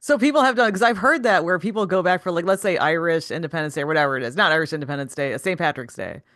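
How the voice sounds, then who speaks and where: A woman's voice: on the low side, racing, a bit bright, no echo, clean studio sound. A woman interviewing a guest in a casual chat, asking rambling questions that she corrects midway.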